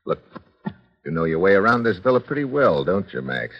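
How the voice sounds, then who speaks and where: An actor playing a tough, cocky, slangy reporter in an old-time radio adventure serial, with a sardonic, hard-boiled delivery. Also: male voice, low-pitched, big pitch swings, a little fast, big-room sound, full character voice. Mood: cool, pressing. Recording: dull, lo-fi old radio recording.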